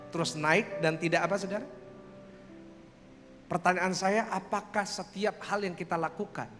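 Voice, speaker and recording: A young man from preaching a sermon as pastor, with a lively, animated delivery that calls out to the congregation. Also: sits high, normal speed. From Indonesia. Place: large church hall. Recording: reverberant church hall with faint music.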